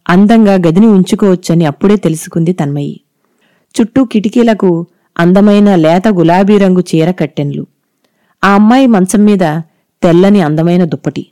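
A woman narrates a story in a calm, even voice. Her tone is mellow and dark, recorded dry and close. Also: lowish voice, no echo.

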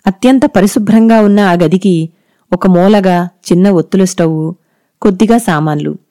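A woman narrates a story in a calm, even voice. Her tone is mellow and dark, recorded dry and close. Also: mid-range voice, normal speed, no echo.

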